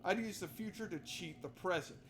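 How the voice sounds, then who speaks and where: This male streamer's voice sits high and moves fairly quickly against a noisy background with game music playing. Casual and full of swearing, he mutters to himself and reads the game's text out loud during his let's-play.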